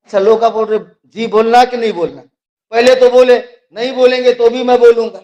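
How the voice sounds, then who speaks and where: A man with a Mumbai accent preaching a fiery sermon at a live religious gathering, often shouting and mocking his opponents. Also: extremely high pitch, fairly even intonation, brisk, echoey room, lo-fi sound. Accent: Mumbai Hindi. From India.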